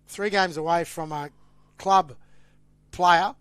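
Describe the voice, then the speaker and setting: A man's voice: on the high side, fairly even intonation, slow pace, fairly bright tone, clear, resonant tone, no room sound. An Australian man hosting a casual sports podcast, announcing news with upbeat emphasis. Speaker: podcast host.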